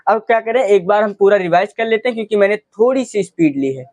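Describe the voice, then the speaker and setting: A man's voice: high-pitched, expressive, fast, darkish tone, dry recording. A man teaching a chemistry lesson, asking questions and answering them himself, repeating key terms. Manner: repetitive, asks and answers his own questions. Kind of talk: classroom lecture.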